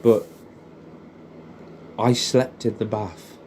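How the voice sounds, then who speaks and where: Speaking very slowly with a flat delivery and a voice on the low side, a young man with an English accent recalls old times as though addressing an old friend. An audio creator, he sounds soft and mellow, rambling with nostalgia, swearing freely and ending remarks with small questions. Faint noise sits in the background.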